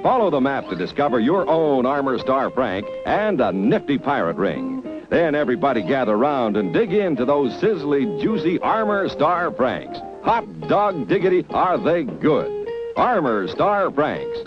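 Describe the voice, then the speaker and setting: A male commercial announcer in an old 1950s TV broadcast, with a bouncy, salesy pitchman delivery. His voice leaps all over the place. It sounds muffled and lo-fi, with a bed of music underneath. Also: very animated, unhurried. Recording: dull lo-fi old TV audio with music.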